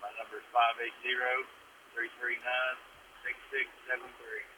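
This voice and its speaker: A man calling in to a radio show, his phone held away so his voice comes from far off the mouthpiece. He talks loudly and briefly in a businesslike way. The line is noisy and distant. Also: medium pitch, flat delivery, normal speed. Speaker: caller selling farm equipment. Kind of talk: radio call-in.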